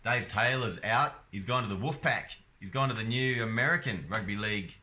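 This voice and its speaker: Bright-voiced Australian man, rambling vlog. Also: on the low side, fairly quick. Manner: rambling, hesitant, with many ums and restarts. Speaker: sports vlogger. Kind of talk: casual solo vlog.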